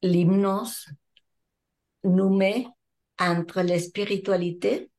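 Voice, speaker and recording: Older Mexican woman, French as a second language, slow and mellow, a hypnotherapist being interviewed. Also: mid-range voice, steady tone. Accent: Mexican Spanish. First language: Spanish. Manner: thoughtful, searching for words in French. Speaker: hypnotherapist and trainer. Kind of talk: interview answers.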